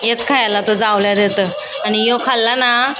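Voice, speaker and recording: A woman's voice: a little high, fairly even intonation, moderate pace, over music. A young woman from Maharashtra, a mother filming a casual family vlog at home on a handheld phone, chatting straight to her viewers and coaxing her kids along. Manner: chatty, talks straight to viewers, coaxes children.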